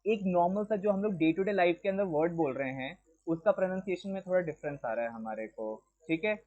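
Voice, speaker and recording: Male teacher, raised pitch, quizzes the room in mixed Hindi and English, muffled lo-fi classroom recording. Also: lively intonation, brisk, a little mellow. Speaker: lecturer. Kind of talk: classroom lecture. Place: classroom with a board.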